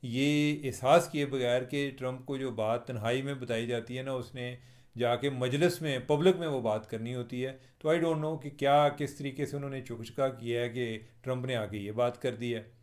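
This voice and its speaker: A man's voice: mid-range voice, fairly even intonation, normal speed, a little mellow. A man from Pakistan with a Pakistani Urdu accent, giving chatty, wry commentary to his viewers as a journalist on his own channel. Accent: Pakistani Urdu with Punjabi touches. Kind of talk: casual spoken commentary vlog.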